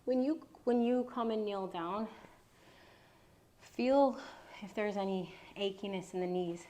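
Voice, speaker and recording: Soft-spoken woman guiding a slow stretch. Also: mid-range voice. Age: 30s. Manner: soft-spoken, breathy, often half-whispered cues. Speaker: yoga instructor. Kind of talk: relaxed guided mobility flow.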